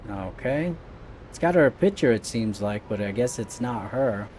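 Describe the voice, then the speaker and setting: Casting: male gaming host, casual play-by-play, soft dark tone, light vehicle ambience underneath. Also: mid-range voice, animated, a little slow, a little hiss or hum. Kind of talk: casual let's-play commentary.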